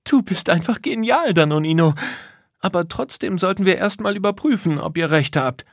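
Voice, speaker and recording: A man doing Lisa, a bright eager girl. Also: high voice, moderate pace, no echo, clean studio sound, pitched above the performer's own voice. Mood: excited. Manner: lively and excited. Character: bright eager young girl, quick and cheerful. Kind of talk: storybook character voice.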